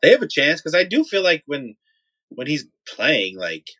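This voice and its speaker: Man, sports podcast panelist, lively pitch swings, bright forceful tone, emphatic, casual. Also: moderate pace, breathy edge.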